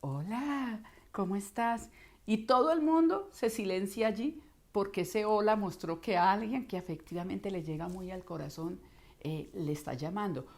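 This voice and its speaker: A middle-aged Colombian woman giving an expressive talk as a voice coach, acting out voices in her stories. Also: fairly low pitch. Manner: expressive, acts out voices in anecdotes. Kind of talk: instructional talk.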